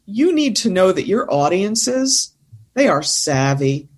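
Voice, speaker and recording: A woman's voice: medium pitch, very animated, slow pace, a little hiss or hum. Emphatic woman presentation coach. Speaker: presentation skills coach, guest. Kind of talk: casual interview conversation.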